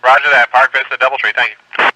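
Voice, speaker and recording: A man's voice: medium pitch, steady tone, fast, bright, forceful tone, dry recording, low-quality recording. An American man working as an amateur radio net controller, giving terse, procedural emergency updates in clipped phrases over a two-way radio. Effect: two-way radio transmission. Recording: amateur radio transmission, dry.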